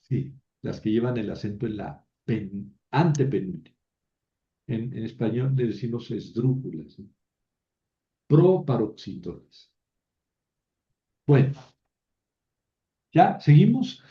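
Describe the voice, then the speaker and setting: A man's voice: medium pitch, lively intonation, slow, pauses often, lo-fi sound. A man teaching a biblical Greek class, reciting word forms aloud one at a time and explaining them to his students. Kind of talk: classroom lecture.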